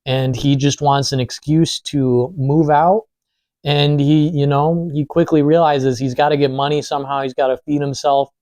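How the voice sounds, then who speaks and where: A man's voice: a little high, a little mellow, dry recording. A man giving a casual, informal film review, speaking conversationally with some mild swearing. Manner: informal, lightly profane. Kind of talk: casual film review chat while eating.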